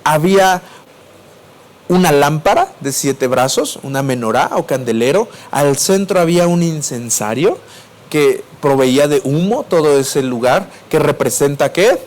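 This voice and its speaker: A man's voice: on the high side, expressive, unhurried, darkish tone. A male preacher with a Mexico City Spanish accent, giving a sermon and asking the congregation questions before answering them himself. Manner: swings between raised and dropped voice.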